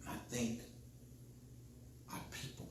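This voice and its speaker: A man in his fifties speaks slowly and with weight, circling back to the same phrases to press them home. His voice comes from a distance in a strongly echoing room, with a faint hum underneath. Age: 50s. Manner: emphatic and repetitive, stressing key phrases. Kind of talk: personal storytelling in conversation. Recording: echoey room, distant mic, faint background noise.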